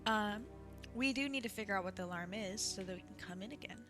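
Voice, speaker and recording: A woman's voice: medium pitch, quick pace. A woman streaming a video game, chatting in a sing-songy way and talking to her viewers as she plays. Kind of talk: casual gameplay commentary. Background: game music.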